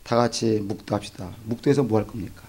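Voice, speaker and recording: A man preaching a revival sermon as pastor, swinging between loud exclamations and hushed asides. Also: fairly low pitch, steady tone, fast talker, vocal fry, breathy edge. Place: church sanctuary.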